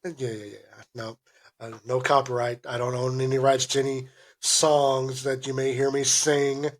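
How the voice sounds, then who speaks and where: A man chatting casually in his normal voice, animated and questioning. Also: mid-range voice, normal speed. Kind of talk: casual podcast chat.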